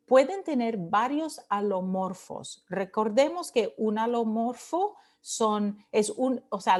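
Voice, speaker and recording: A woman teaching Spanish grammar in a lecture. She switches between Spanish and English and repeats words slowly to model their stress. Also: mid-range voice, darkish tone.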